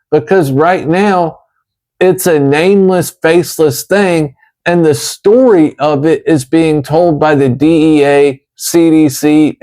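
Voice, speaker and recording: A man with a slight lisp, as if wearing a retainer, delivering an earnest, emphatic advocacy monologue in deliberate phrases. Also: on the high side, darkish tone. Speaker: chronic pain patient advocate.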